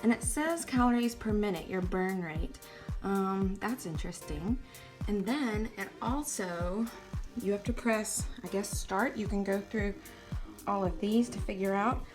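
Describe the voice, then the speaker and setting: A woman in her thirties from the States, chatting casually in a home vlog and filling pauses with "um". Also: medium pitch, music in the background. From Southern US. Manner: chatty, frequent "um" fillers. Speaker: family vlogger.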